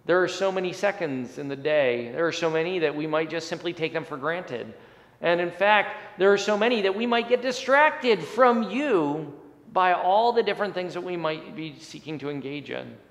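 In a church sanctuary, a pastor in his forties preaches and prays earnestly, his emphasis rising and falling. His voice sits on the high side and is a bit bright, captured by a fixed camera at chest height with long church hall reverb.

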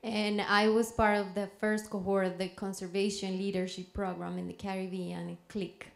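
A young adult woman from Colombia speaks earnestly into a handheld mic on a conference panel, in a conference room with an audience. Her mid-range voice is gravelly, her delivery flat and her pace moderate, and she uses fillers.

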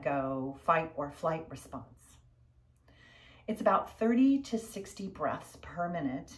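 An older woman teaching a guided breathing lesson as a yoga instructor, talking in measured short phrases with pauses. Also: low voice. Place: furnished living room, indoors.

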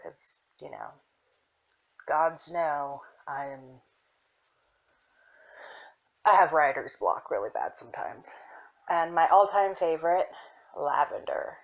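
A young woman casually showing her herb collection, soft-spoken and unhurried, with fillers and self-corrections that sometimes drop into a whisper. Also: deep voice, sing-song, muffled recording. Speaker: apothecary shop owner. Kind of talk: casual show-and-tell.

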